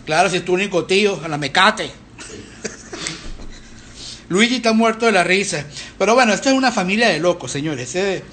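Man, middle-aged, high voice, rambling live chat, faint hiss behind. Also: animated, moderate pace, pauses often, sharp tone. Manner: rambling, chatty, with restarts and fillers. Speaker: band frontman hosting a live stream. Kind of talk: casual live-stream chat.

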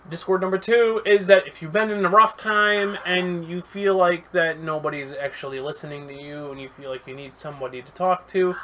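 Gaming host, slow delivery, bright voice, excitable, shouts and swears at the game, friendly rambling outros. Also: medium pitch, slight background noise. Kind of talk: casual let's-play commentary.

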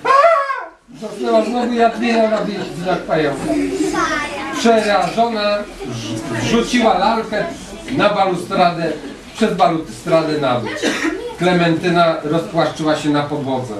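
A man reading a children's story aloud to children with lively, expressive storytelling. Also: sits high, measured pace, a loud crowd. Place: library hall with children. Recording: echoey hall, distant mic, faint noise.

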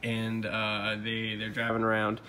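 A man's voice: fairly low pitch, monotone, measured pace, pushed and bright, slight background noise. A young man casually recapping a show episode in a rambling, profane way, full of ums and uhs.

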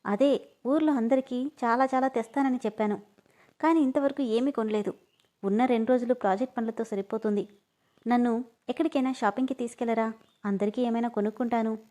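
A woman's voice: on the high side, fairly quick, warm tone, close to an everyday voice. A woman reading the part of an emotional young woman who pleads and cries, in a storybook. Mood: pleading.

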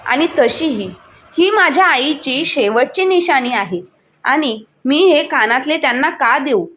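A woman's voice: high voice, animated, a little slow, a bit bright. A woman voicing a young daughter-in-law who is hurt but stands firm, refusing defiantly.

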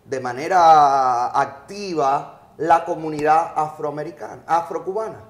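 A man's voice: a little high, a little slow. A man with a Cuban accent hosting a casual interview, supportive and repeating his phrases. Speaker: host interviewer. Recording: roomy echo.

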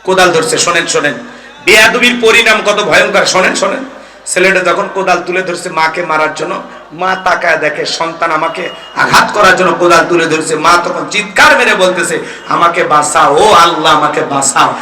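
A man's voice: high voice, brisk, pushed and bright. A man preaching a waz sermon at a night gathering, quizzing the crowd and quoting Arabic verses, heard through a public address system. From Bangladesh. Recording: echoey outdoor PA from far off.

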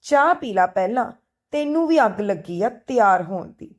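A woman voicing a tearful, sharp-tongued young bride-to-be. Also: a little high, animated, normal speed, natural voice. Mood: teasing. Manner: tearful, sharp-tongued teasing with her friend. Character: young woman upset about her arranged match.

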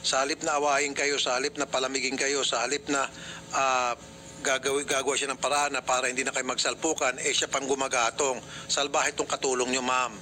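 A man's voice: medium pitch, level tone, fairly quick, pushed and bright, slight background noise. A middle-aged man hosting a mediation, firm and lecturing, often cutting in to question both sides. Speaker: host mediating a complaint. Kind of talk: public affairs radio mediation.

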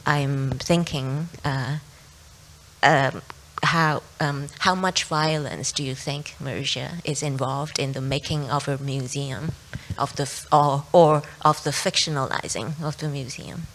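A woman's voice: very deep voice, steady tone, unhurried, a bit bright, a little hiss or hum, rough recording. A woman moderating a panel discussion, asking a hesitant question, seated on a stage with a handheld mic.

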